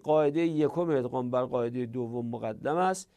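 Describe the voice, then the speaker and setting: A man's voice: medium pitch, dark tone. A man teaching a grammar lesson, repeating word forms and arguing with imagined students. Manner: explains with rhetorical back-and-forth, repeats word forms.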